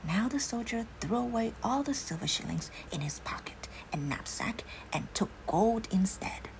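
A woman narrating a fairy tale in a hushed, unhurried whispered role-play. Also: on the high side, big pitch swings, vocal fry, slight background noise, poor audio. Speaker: storyteller.

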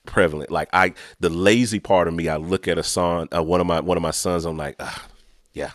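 A man's voice: deep voice, fairly even intonation, fairly quick, no echo, clean studio sound. A middle-aged man hosting a podcast, talking in an earnest, reflective way with many restarts. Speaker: podcast host. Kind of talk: casual chat.

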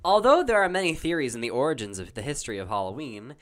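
Animated man reading trivia. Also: medium pitch. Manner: animated, halting, laughs often. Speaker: quiz reader. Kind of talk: casual chat reading trivia aloud.

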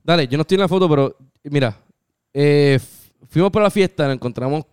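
A man's voice: on the high side, fairly quick, a little mellow, clean tone, no echo, studio quality. A young Puerto Rican man chatting casually as a co-host, telling stories with acted-out dialogue and frequent swearing. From Puerto Rico. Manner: storytelling, swearing, acts out dialogue. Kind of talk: casual chat.

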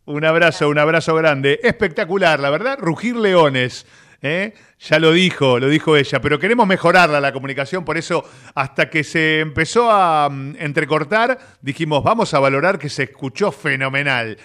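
A man with a Rioplatense Spanish accent, hosting a radio show in chatty, animated talk full of filler tags. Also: fairly high pitch, normal speed. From Argentina. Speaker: radio host. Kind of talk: casual radio chat. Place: radio studio.

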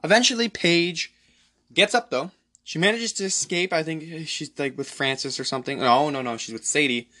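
Male solo podcast host, bright tone, rambling profane movie recap with frequent throat clearing. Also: a little high, normal speed. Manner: rambling, profane, many fillers.

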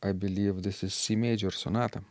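A man co-hosting a talk about organ music, speaking slowly and hesitantly with many fillers. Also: fairly low pitch, fairly even intonation, a little mellow, dry recording. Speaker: podcast co-host discussing organ music. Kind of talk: casual discussion.

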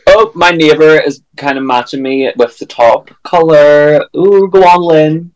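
A man's voice: a little high, a little slow, low-quality recording. A man hosting a podcast, chatting casually and teasing his guest with playful banter. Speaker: podcast host. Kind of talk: casual chat.

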